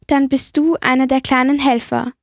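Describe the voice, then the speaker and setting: Woman doing a fretful gentle donkey. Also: sits high, little pitch movement, gravelly, no room sound, clean studio sound, pitched above the performer's own voice. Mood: glad. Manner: fretful, slow and earnest. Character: worried gentle male donkey.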